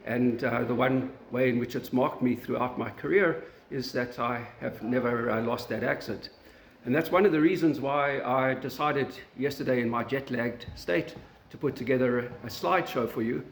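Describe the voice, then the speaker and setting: A man from South Africa with a South African accent, giving an academic lecture in a university meeting room, halting often with fillers and restarts. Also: medium pitch, gravelly, slight background noise. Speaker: guest lecturer. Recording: echoey lecture room recording.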